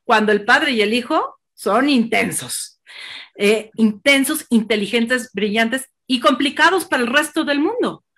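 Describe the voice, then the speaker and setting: A woman's voice: a little high, expressive, a little slow, a bit bright. A Mexican woman hosting a virtual book presentation, effusive and rambling, with many fillers. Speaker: host.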